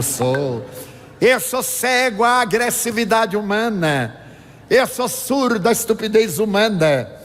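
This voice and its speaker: An older man gives a spiritist lecture, his voice sitting high for a man. He tells anecdotes and acts out the dialogue with lively animation. The sound rings with a long reverb from a large hall. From Brazil. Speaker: spiritist speaker.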